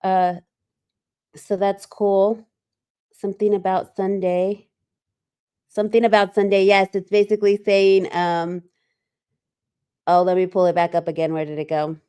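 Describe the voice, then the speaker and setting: A woman hosting a relaxed livestream, her voice smooth and clear. She talks loosely and stops often to read viewer comments aloud, filling pauses with ums and uhs. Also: mid-range voice. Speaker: livestream host. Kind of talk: casual livestream chat.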